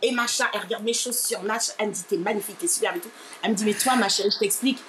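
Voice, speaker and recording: A woman's voice: mid-range voice, very fast. A woman from Martinique telling a personal story as an interview guest. She acts out the people she quotes and keeps calling the listener "my dear.". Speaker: interview guest, radio presenter. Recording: steady background noise.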